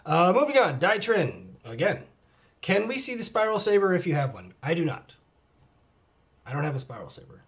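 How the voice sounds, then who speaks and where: At home with his cat, a middle-aged channel host reads and responds to fan questions in a high, slightly bright, sing-song voice at normal speed. He laughs a lot and mutters little asides as he goes.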